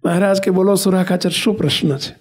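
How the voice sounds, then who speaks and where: A man from western India, preaching a devotional sermon as an animated storyteller who acts out the characters' dialogue and chants verses. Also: high-pitched, quick pace, husky. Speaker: religious preacher.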